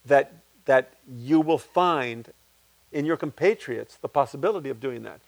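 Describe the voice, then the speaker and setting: A man, a playwright, answering audience questions at a public talk in a reflective way, restarting his sentences often. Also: no room sound. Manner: reflective, restarts often, animated pitch swings. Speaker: guest speaker, playwright.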